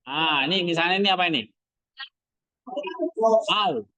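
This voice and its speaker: Male teacher, classroom lesson, slow deliberate delivery, dry close sound. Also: fairly high pitch, sharp tone, no echo, dull audio. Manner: quizzing students with short questions. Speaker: Greek language teacher.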